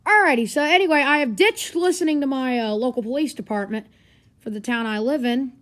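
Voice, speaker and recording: Speaking quickly in a high, fairly bright voice, a woman reviews a gadget hands-on from her carpeted living room. The demo is casual and rambling, and she stays off screen while a handheld camera or phone records.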